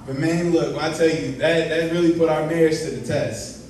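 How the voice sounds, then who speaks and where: A young American man performs amateur stand-up in a high-pitched voice. His jokes bomb as he rambles and stalls. The sound is very echoey and picked up from a distance in a bar. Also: fairly even intonation, a little fast, a little mellow. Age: young adult. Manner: joke bombing, rambling delivery with stalls and filler. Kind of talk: stand-up comedy at an open mic. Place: small bar, indoors. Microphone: handheld stage mic, heard from far camera. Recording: echoey bar, distant mic, audience noise. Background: small audience.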